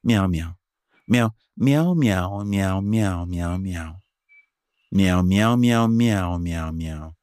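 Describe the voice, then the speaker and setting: A man's voice: low-pitched, very slow, no echo, studio quality. A man repeating cat-like meows in sing-song phrases that rise and fall and fade at the end of each run. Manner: sing-song rising and falling phrases that trail off softly at the end. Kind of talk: repetitive meowing chant.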